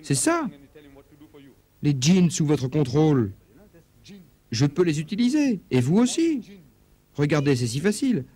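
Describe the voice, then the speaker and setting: A man delivers an emphatic sermon in a dubbed religious lecture, throwing out rhetorical questions while his pitch swings widely. He speaks in a sing-song, measured way with long pauses, and his dark voice has a breathy edge.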